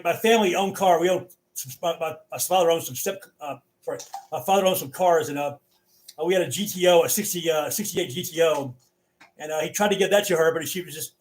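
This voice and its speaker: A man chatting casually as a radio net controller, halting and often repeating his words. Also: on the high side, low-quality recording.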